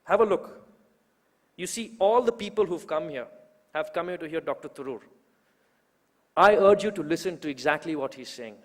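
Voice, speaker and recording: A man's voice: fairly high pitch, moderate pace, long pauses. A man in his twenties giving a rousing, emphatic public speech at a political event, building his points through repetition. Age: 20s. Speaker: youth organizer introducing the main speaker. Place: large event hall. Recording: long hall reverb.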